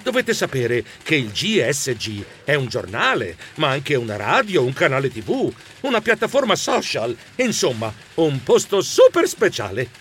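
A man's voice: mid-range voice, huge pitch swings, moderate pace, hardly any pauses, fairly bright tone, slight background noise. A man narrating a children's audiobook in the first person, theatrical and comic with frequent exclamations.

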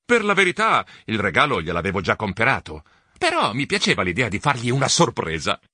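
Bright, animated male storybook narrator. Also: medium pitch, brisk, slightly rough, no room sound, clean studio sound. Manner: animated, expressive reading. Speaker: audiobook narrator. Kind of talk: first-person storybook narration.

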